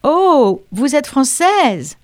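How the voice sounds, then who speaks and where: An exasperated English lady stumbles through broken French, voiced by a woman narrator. The voice sits higher than the reading voice and drags slowly, word by careful word. The recording is dry and close. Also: big pitch swings, darkish tone, no room sound, heavily acted. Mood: flustered. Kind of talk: audiobook reading.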